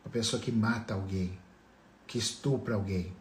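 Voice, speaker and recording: A man's voice: fairly low pitch, steady tone, normal speed, echoey room, a little hiss or hum. A man giving a motivational talk on family healing, asking his listeners direct rhetorical questions.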